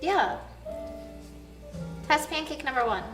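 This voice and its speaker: A woman's voice: high-pitched, animated, slow pace, fairly bright tone. A young woman bantering on a cooking livestream in a home kitchen, playful, teasing and dramatic, often laughing. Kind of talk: casual banter on a cooking stream. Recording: echoey kitchen with music behind.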